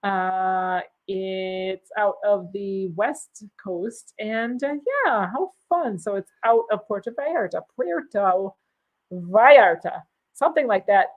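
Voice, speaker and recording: A woman's voice: mid-range voice, slow pace, few pauses, phone-quality sound. A woman hosting a casual cruise chat, reading out viewer comments in a bubbly, chatty way and laughing easily. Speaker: cruise vlogger host.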